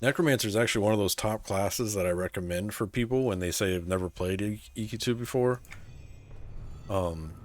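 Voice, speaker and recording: A man's voice: on the low side, a little fast, darkish tone, no room sound. A man streaming a game live, chatting casually with viewers and talking through his picks with lots of "so, like" and "um". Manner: laid-back, answers chat, many fillers like "so, like" and "um".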